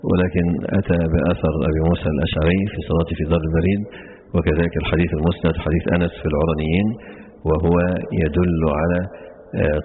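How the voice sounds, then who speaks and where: A very low, flat-voiced man gives a lesson on a classical religious text, moving quickly through his explanations and pausing on many "aah" fillers. His voice comes through a tinny, phone-like recording with faint hiss behind it. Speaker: Islamic scholar teaching hadith commentary.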